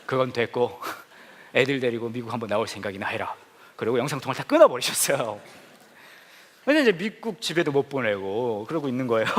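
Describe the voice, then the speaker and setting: A man's voice: mid-range voice, fairly bright tone. A male pastor telling a humorous, self-mocking story in a sermon to a congregation. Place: church service before a congregation.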